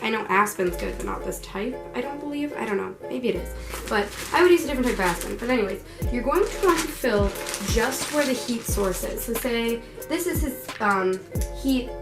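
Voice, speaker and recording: A young woman with a cold chats casually through a pet care how-to from her bedroom at home, using lots of likes and ums. Her medium-pitched voice sounds sick, a little hoarse and tired, somewhat under the weather. Background music plays throughout the recording.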